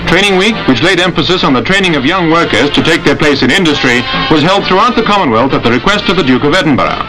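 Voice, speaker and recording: A man's voice: on the high side, expressive, fast, rough recording. A man narrating an old newsreel in a formal announcer delivery. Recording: narration over loud music.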